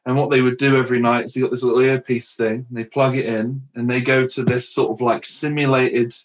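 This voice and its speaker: A man hosts a podcast in an easygoing, chatty way, telling stories in loose rambling asides. He jokes around and laughs often. His voice sits at an ordinary middle pitch. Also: flat delivery, brisk. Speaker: podcast host. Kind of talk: casual podcast conversation.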